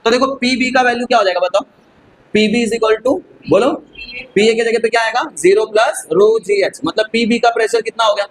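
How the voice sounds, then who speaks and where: High-voiced man quizzing a physics class. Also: steady tone, moderate pace, low-quality recording. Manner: keeps quizzing students and answering himself; mixes English terms into Hindi explanations. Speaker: physics teacher. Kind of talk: classroom lecture.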